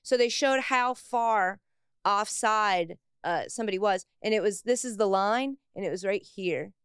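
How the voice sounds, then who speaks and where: A woman co-hosting a casual sports podcast, quick and wry with a joking tone. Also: medium pitch, a bit bright, clean tone, no room sound, clean studio sound. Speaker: podcast co-host. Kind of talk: casual chat.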